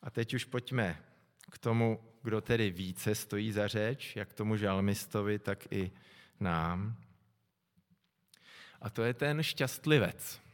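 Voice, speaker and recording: A middle-aged man preaching a sermon, calm and reflective, often pausing to think aloud. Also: on the low side. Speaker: pastor. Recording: long echo from a large hall.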